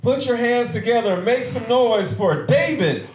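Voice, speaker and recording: A man's voice: very high voice, expressive, moderate pace. A man hosting a comedy show, introducing the next comic with upbeat announcer patter. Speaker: show host. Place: comedy club stage with audience. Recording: roomy club with faint crowd noise.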